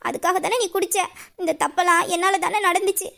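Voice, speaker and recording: A woman's voice: very high-pitched, steady tone, brisk, gravelly, fairly bright tone, exaggerated voice. A woman voicing a remorseful young woman in an audio drama who pleads through tears and confesses a secret plan for revenge. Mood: tearful. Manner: sobbing, pleading, guilt-ridden. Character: tearful young woman hiding a revenge scheme. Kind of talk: emotional audio drama acting.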